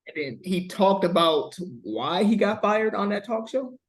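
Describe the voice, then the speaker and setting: A man co-hosting a casual sports podcast, hesitant and measured with many fillers. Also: sits high, expressive. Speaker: podcast co-host.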